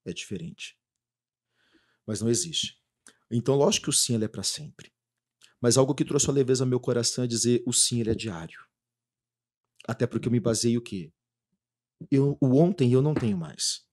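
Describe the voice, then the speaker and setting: A Brazilian man in his thirties, a lively storyteller chatting as a guest about his religious community life. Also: mid-range voice, brisk, long pauses. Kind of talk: casual storytelling interview.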